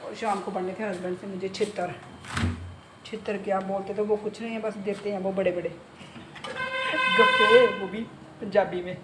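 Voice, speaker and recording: A woman's voice: mid-range voice, steady tone, moderate pace, heavy background noise. Chatty middle-aged woman vlogging at home. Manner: chatty, rambling, talks to her pet. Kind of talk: casual chat to camera. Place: home kitchen and bedroom. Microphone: phone in hand.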